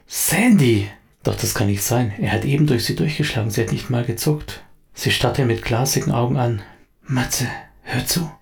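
Male narrator, gravelly voice, mid pitch, dramatic scripted storytelling. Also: fairly quick, slight background noise.

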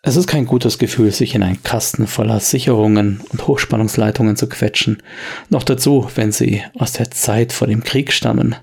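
A man's voice: mid-range voice, moderate pace, vocal fry, darkish tone, husky. A man narrating a tabletop role-playing game as game master, telling the scene in tense, descriptive storytelling.

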